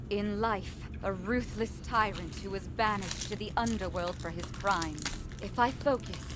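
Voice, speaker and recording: A woman voicing a gentle, solemn magical mentor in a video game, with measured and earnest theatrical delivery. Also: fairly high pitch. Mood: troubled. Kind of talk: video game quest-giver acting. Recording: game music behind.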